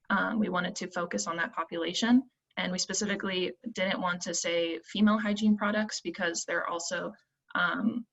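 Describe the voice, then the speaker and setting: A woman's voice: lowish voice, vocal fry, fairly bright tone, rough recording. A woman in her twenties from the US Southwest presents her team's project idea on a video call, earnest and full of ums. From Phoenix, United States. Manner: earnest, many ums while thinking. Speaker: team presenter.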